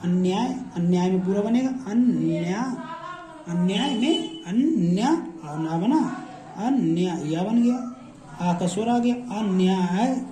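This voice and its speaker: A man's voice: high voice, warm tone. A man teaching a shorthand class, saying each example word aloud again and again as he explains how it is written. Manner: repetitive, drills each word aloud several times. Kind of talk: classroom lesson. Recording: echoey room.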